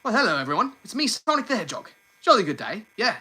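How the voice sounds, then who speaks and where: A man's voice: sits high, sing-song, quick pace, sharp tone, slightly rough, pitched above the performer's own voice, full character voice. A man voicing a cheery, posh male cartoon hedgehog with a put-on British accent, jaunty and genteel. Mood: jolly.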